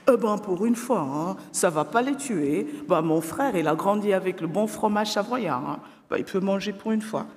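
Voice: medium pitch, expressive, normal speed, few pauses, close to an everyday voice. A storyteller voicing a grumbling, curt father who is cooking with his children. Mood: dismissive. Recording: long hall reverb.

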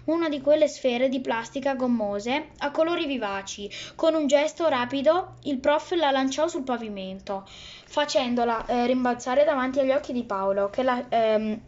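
A woman's voice: sits high, normal speed, darkish tone, muffled recording. A woman reading a children's novel aloud, stumbling often and restarting words. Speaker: reader.

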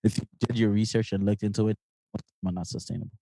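A young man from New York co-hosting a podcast in animated, jokey casual chat with lots of slang. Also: fairly low pitch, rapid-fire, no echo. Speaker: podcast co-host.

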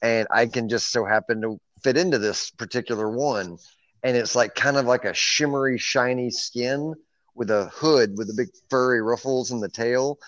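A man's voice: mid-range voice, normal speed, a bit bright, no echo. Male podcast co-host, playful and jokey, dry close sound with a muffled lo-fi quality. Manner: joking, playful, laughs often. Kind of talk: casual podcast chat. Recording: dull lo-fi sound.

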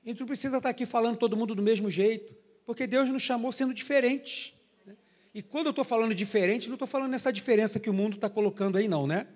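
A man's voice: very high-pitched, fast talker, a little mellow. A man, a pastor giving a sermon in a church in a loose, conversational way, often tagging his sentences with "né?". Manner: conversational preaching, frequent "né?" tag questions. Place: church hall.

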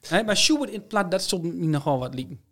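Higher-pitched man, broad eastern Dutch accent. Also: lively intonation, fast talker, crowd noise. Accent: eastern Dutch regional (Low Saxon). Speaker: teacher. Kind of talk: casual conversation in dialect.

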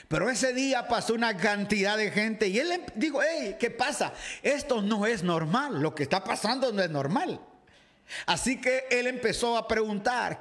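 A man from Ecuador, a pastor preaching in a livestreamed sermon who reads a Bible passage, acts out its crowd and greets viewers' comments by name. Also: high-pitched. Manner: animated, acts out the crowd and shouts in the story. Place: home, dressed casually for a live video.

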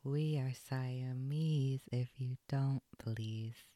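A reader voicing a pair of sly Siamese cats in a slow, drawn-out whisper, as whispered role-play from a storybook. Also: medium pitch, mellow, no echo.

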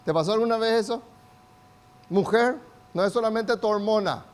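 A man delivers a sermon in a very high voice. He calls on the congregation to repeat after him, and his delivery climbs to shouting. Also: normal speed. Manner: call-and-response preaching, builds to shouts. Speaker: pastor.

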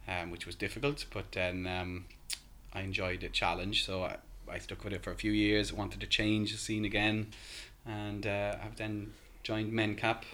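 An Irish man in his thirties, with an accent from Ireland, speaks casually as a podcast guest in a very low, slightly bright voice. His tone is level and his speed normal. He often hesitates and restarts, filling the gaps with "um".

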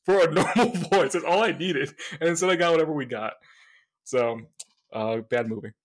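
At a moderate pace and with a voice on the high side, this young co-host of a casual comics podcast tells energetic stories. He's an animated storyteller who does mocking voices.

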